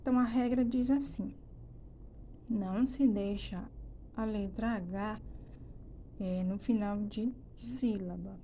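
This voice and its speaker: A woman's voice: medium pitch, warm tone, slight background noise. A woman from Brazil teaching a language lesson, explaining step by step with many restarts and checks for understanding. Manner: explains slowly, with frequent "né?" and "então" restarts. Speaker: Spanish teacher. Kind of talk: recorded classroom lesson.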